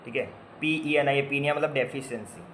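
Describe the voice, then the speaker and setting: Over a faint hiss or hum, a man of medium pitch with a fairly bright tone speaks fairly quickly. His casual lecture teaches nursing students basic medical terms. He spells out and repeats word parts and quizzes them playfully.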